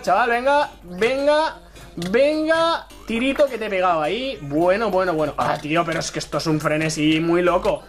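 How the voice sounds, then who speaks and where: A young man with a Spain Spanish accent giving excitable, chatty live commentary on a Minecraft PvP match and taunting opponents. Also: high-pitched. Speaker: gaming YouTuber.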